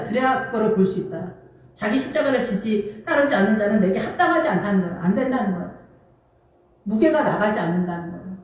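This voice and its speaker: A woman's voice: medium pitch, darkish tone. A woman pastor preaching a sermon, emphatic and conversational, full of rhetorical questions. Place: church. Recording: distant mic in an echoey church hall.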